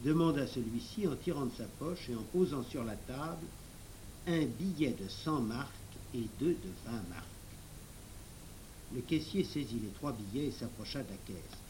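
A man's voice: medium pitch, expressive, moderate pace, background noise. A man reading a children's novel aloud, narrating expressively. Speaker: audiobook reader. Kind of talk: storybook narration.

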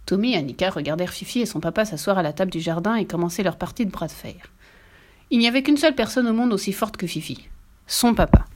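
A woman narrating a children's story aloud in a clear, even reading voice. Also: medium pitch, fast.

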